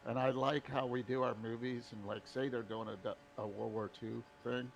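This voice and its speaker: A man's voice: mid-range voice, normal speed, creaky, slight background noise. A man telling stories and cursing casually in chat during a sim race. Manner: relaxed, profane storytelling.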